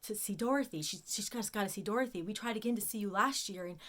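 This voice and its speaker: A woman's voice: mid-range voice, fast talker, fairly bright tone. A woman telling a personal story to the camera, emotional and close to tears, often repeating words as she goes. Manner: emotional, near tears at times. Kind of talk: casual storytelling.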